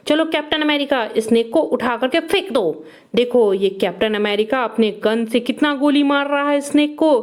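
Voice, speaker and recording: A woman narrates toy play for young children in a high, bright voice. She talks in excited exclamations and repeats words in rapid bursts.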